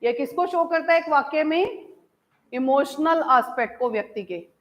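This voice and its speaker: High-voiced woman teacher, Indian English. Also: expressive, low-quality recording. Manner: mixes Hindi and English, asks students "is it clear?", reads lines out slowly; calls students "beta". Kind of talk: online class lecture.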